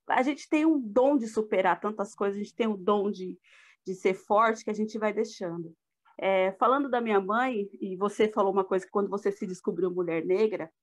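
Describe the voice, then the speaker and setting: A middle-aged woman with a Brazilian Portuguese accent, giving an earnest, reflective personal testimony in a live talk. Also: mid-range voice. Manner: earnest, reflective, with frequent fillers. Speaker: guest speaker.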